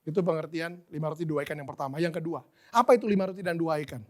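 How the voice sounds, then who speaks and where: Brief: male preacher in his 40s, high-pitched, emphatic and rhetorical, drops in English. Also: rapid-fire. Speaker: guest preacher. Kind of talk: sermon.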